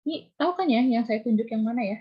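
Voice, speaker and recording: A woman's voice: fairly high pitch, animated, fast talker, breathy edge, dull audio. A woman lecturer teaching math in an online class, questioning and prodding her students. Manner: questions students, coaxing and scolding. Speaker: university lecturer. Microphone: video call.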